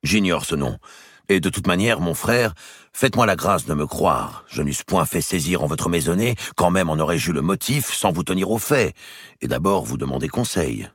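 A man's voice: low-pitched, lively intonation, normal speed, breathy edge, no room sound, studio quality, voice pushed up. A man voicing a medieval king in a storybook reading, urgent and commanding. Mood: bewildered. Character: medieval male king, bewildered then commanding.

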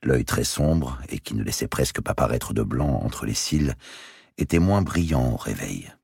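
A man reading a historical novel aloud as its narrator, with an expressive, dramatic delivery. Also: very deep voice, moderate pace, vocal fry, breathy edge, no room sound, studio quality.

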